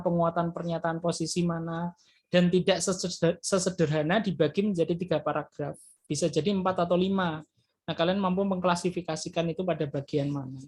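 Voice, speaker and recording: In a slightly high voice, a man runs an exam review lesson in class, explaining in a loose, halting way. He leans on frequent filler tags and refers to his students as children.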